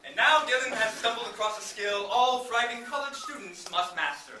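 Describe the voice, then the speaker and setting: High-voiced man narrating a stage comedy. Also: normal speed. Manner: mock-dramatic, shouting protests at the characters. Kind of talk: comic improv narration. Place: theater stage with a live audience. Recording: echoey stage from far off, noisy, laughing audience.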